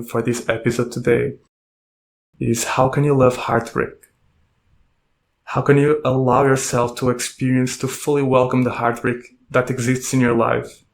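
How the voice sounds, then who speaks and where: A man hosting a self-help podcast, speaking calmly and gently in a reflective monologue full of rhetorical questions. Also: medium pitch. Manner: calm, gentle, asks many rhetorical questions. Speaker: podcast host and coach.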